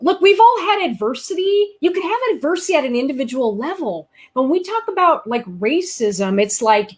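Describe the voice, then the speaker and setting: A woman hosting a casual live-stream conversation, animated and enthusiastic, with quick asides. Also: sits high. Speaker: host.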